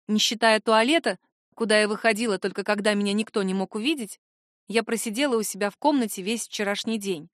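A woman reading a first-person audiobook in an expressive, confiding way. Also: a little high, no echo, clean studio sound. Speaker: audiobook reader.

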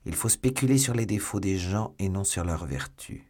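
A man voicing Athos, a grave low-voiced musketeer. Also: sing-song, moderate pace, mellow, slightly rough, heavily acted. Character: grave, sober older male musketeer.

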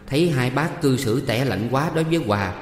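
A man's voice: mid-range voice, lively intonation, fairly quick, close to an everyday voice. A man voicing a young village woman, a hurt but defiant niece, speaking defensively. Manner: pleading, defensive. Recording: echoey room with long reverb.

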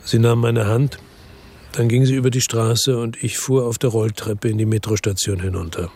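A man speaks with a low, gravelly, husky voice, fairly even intonation and a darkish tone, at a moderate pace, close to an everyday voice. He's an actor voicing a weary hard-boiled investigator who narrates his own story in a scripted first-person radio drama, terse and matter-of-fact, measured yet tense. It's captured on a close, dry studio mic with slight background noise.

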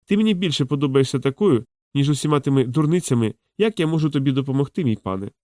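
A man's voice: mid-range voice, animated, quick pace, darkish tone, no room sound, clean studio sound, voice pushed up, close to an everyday voice. An audiobook reader voicing a young male thief who talks in a raised, wry and indignant way.

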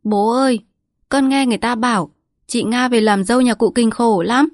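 A woman voices a pleading young village girl, pitching above her natural voice with light acting. Her delivery is fairly high and at normal speed, recorded as clean studio sound with no room echo.

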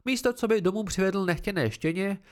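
A man's voice: high-pitched, darkish tone, voice pushed up, lightly acted. A man voicing a stern, confident woman who teaches swordcraft, blunt and instructive in an amateur audiobook reading.

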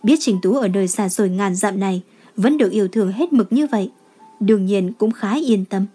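A woman reading a romance novel aloud as an audiobook narrator, telling the story in a steady manner. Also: medium pitch, a little fast, husky, soft background music. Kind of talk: scripted narration.

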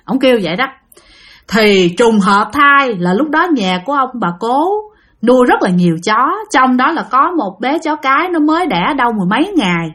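A woman's voice: a little high, fairly bright tone. Chatty Southern Vietnamese woman storyteller. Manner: chatty, addresses listeners directly. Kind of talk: spooky storytelling narration.

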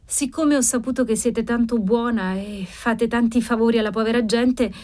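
A woman's voice: on the high side, moderate pace, darkish tone, pitched above the performer's own voice, lightly acted. A woman reading a story aloud, voicing an eager young seamstress who pleads in a raised voice. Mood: pleading. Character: eager young seamstress girl asking a loan.

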